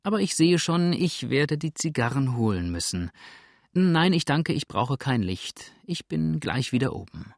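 A man's voice: mid-range voice, sing-song, measured pace, vocal fry, dry recording, clean studio sound, voice pushed up. A man voicing an older landlady in an audiobook, coy and fussy, raising his voice somewhat for her. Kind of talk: audiobook reading.

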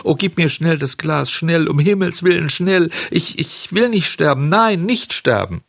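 A man voicing a stubborn, whiny puppet boy in a storybook reading, whining and pleading in a high, excited voice. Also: moderate pace, slightly rough, no echo, clean studio sound, full character voice.

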